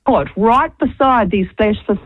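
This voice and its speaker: A woman's voice: medium pitch, unhurried. A New Zealand woman calling in to a talk radio show, indignant and urgent, her phone line cutting in and out. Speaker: talkback radio caller. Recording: tinny, dropping phone line.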